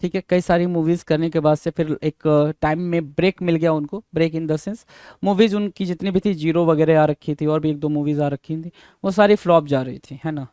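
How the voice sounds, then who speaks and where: A man teaching English idioms for exam preparation, mixing Hindi and English. He repeats each phrase slowly and keeps putting rhetorical questions to his students. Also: on the high side, steady tone, mellow, clear, resonant tone, no room sound, studio quality. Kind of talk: exam-prep lesson.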